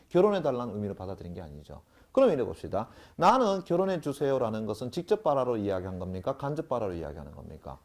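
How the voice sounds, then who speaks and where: A man's voice: on the low side, vocal fry, darkish tone. A middle-aged man teaching a grammar lecture to a class, who keeps checking that students follow with short questions.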